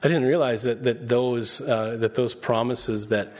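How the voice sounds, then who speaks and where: A man's voice: medium pitch, fairly even intonation, measured pace. A male preacher giving a conversational sermon, often asking the congregation questions and reading verses aloud. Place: church.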